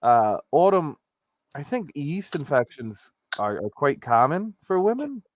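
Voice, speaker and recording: Animated joking man with popping p sounds. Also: on the high side, a little slow, dry recording. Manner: joking, rambling. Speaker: host of a live-streamed talk show. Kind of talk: casual comedic live chat, reading viewer comments. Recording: clicks and pops, faint background noise.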